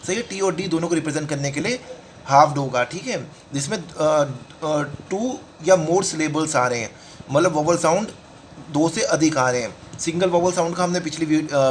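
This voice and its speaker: A man's voice: a little high, a little hiss or hum. A man with an Indian accent teaching shorthand in a casual tutorial, repeating each word and checking in with "okay" as he goes. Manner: talks through examples slowly, repeating words and saying "ठीक है" often.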